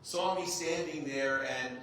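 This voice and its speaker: A fairly high-pitched, slightly bright male voice speaks unhurriedly: an American rabbi, native in English, chatting informally with an audience in a large, echoey room. He makes self-deprecating jokes and frequently checks in with "right?" A clip-on mic heard from a distance gives a very echoey recording with faint noise.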